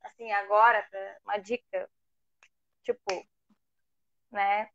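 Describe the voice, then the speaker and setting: A woman hosting a casual live chat, asking a teacher questions in a relaxed, conversational way. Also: medium pitch, takes it slowly, a little hiss or hum. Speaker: host interviewing a teacher. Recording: dull lo-fi live stream audio.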